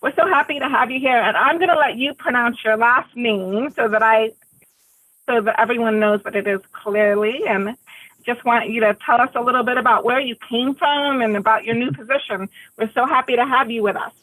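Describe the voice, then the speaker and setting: A woman's voice: fairly high pitch, a little fast, a bit bright, low-quality recording. A woman chairing an online meeting, friendly and welcoming as she runs through the agenda. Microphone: video call.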